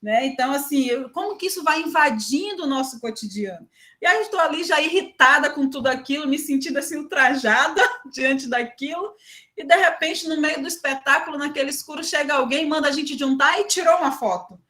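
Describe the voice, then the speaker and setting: A Brazilian woman gives an academic talk with a high, bright-toned voice. She moves between careful lecturing and lively storytelling. She keeps checking in with her listeners through a constant "né". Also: a little fast. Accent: Brazilian Portuguese. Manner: frequent "né" tags, lively storytelling. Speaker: university lecturer. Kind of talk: academic talk with personal anecdotes.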